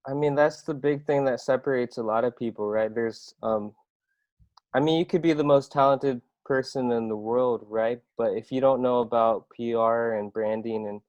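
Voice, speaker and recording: A man's voice: medium pitch, darkish tone, no echo. Rambling young man, dull lo-fi sound. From Iowa, USA. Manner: loose and rambling, many fillers like "I mean" and "right?". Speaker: podcast guest, marketing agency owner. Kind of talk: casual interview talk.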